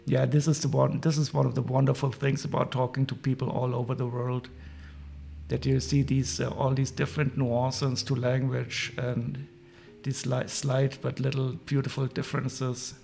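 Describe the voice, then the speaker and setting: A man's voice: mid-range voice, flat delivery, moderate pace, vocal fry, dark tone, slight background noise. A man with a German accent, chatting casually with viewers as a livestream host while sorting toy parts. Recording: faint music behind.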